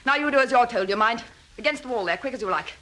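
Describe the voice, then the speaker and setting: Radio thriller heroine: cool, wry, brisk woman detective, highish animated voice. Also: slight background noise, low-quality recording. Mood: brisk, commanding. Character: plucky, cool-headed woman amateur sleuth, brisk and wry. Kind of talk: scripted radio thriller acting.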